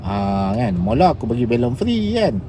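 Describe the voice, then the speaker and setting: A man's voice: mid-range voice, very animated, normal speed, mellow, slight background noise. A man with a Kedah Malay accent telling rambling stories on a live stream while driving. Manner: chatty, rambling, slips into dialect. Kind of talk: casual live storytelling. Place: inside a car while driving. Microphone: phone live stream.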